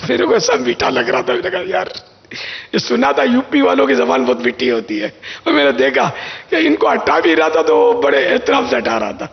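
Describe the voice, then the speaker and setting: Male preacher, high voice with heavy fry, chatty storytelling delivery, reverberant lo-fi sound. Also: wildly swooping pitch. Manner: anecdotal, conversational, acts out quoted lines. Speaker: religious scholar giving advice. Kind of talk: informal religious talk. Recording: dull lo-fi sound with long reverb.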